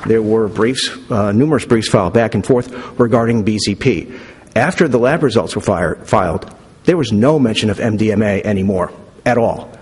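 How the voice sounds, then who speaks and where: A man arguing formally as a state's lawyer, deferential and a little halting. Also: fairly low pitch, darkish tone. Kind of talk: formal oral argument. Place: large indoor courtroom. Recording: reverberant courtroom, clearly audible noise.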